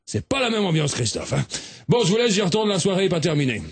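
A man performing a crude, boastful comic sketch monologue as a radio columnist, shouting and muttering by turns. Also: sits high, very animated, fast talker, husky.

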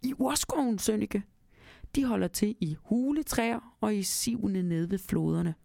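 A woman voicing a kindly old grandfather in a storybook reading, calmly telling tall tales to his grandson. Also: mid-range voice, creaky, no echo, studio quality, voice pushed up. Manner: calm, storytelling, reassuring.

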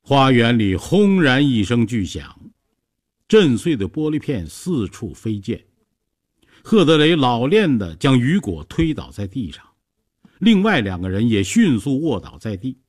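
A man narrates a story in a scripted, measured reading voice. His tone is slightly husky, and his pitch moves a lot, rising and falling through each sentence. He sounds like he is reading in a studio. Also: very animated, darkish tone.

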